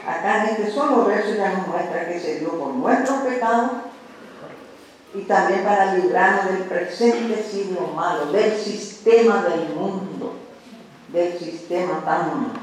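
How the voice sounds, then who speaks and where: A man's voice: sits high, slow, pauses often. Man, preacher, earnest conversational sermon, very echoey room, faint hiss.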